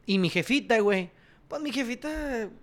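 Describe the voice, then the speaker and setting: Un hombre con acento mexicano que platica de manera informal y cuenta anécdotas con mucha jerga callejera, repitiendo frases. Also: male voice, extremely high pitch, animated, normal speed. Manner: slangy northern-Mexican street talk, repeats phrases. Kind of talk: casual chat with slangy storytelling.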